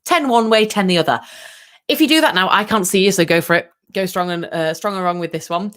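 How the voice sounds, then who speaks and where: Lively woman vocal coach, slightly low voice. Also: brisk. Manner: lively, demonstrative, gives direct instructions. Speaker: vocal coach leading a workshop. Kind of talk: online workshop talk.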